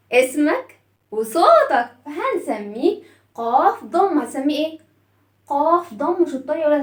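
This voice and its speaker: Egyptian woman, children's phonics teacher, high voice, call-and-response, echoey room. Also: a little mellow, distant mic. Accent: Egyptian Arabic. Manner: storytelling the letters as characters.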